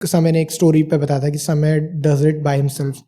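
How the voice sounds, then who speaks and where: A young man, a video editor, talking as a podcast guest in animated, easy chat that flips between languages and breaks into laughs. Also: fairly high pitch, a little slow. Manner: animated, code-switching, laughs often.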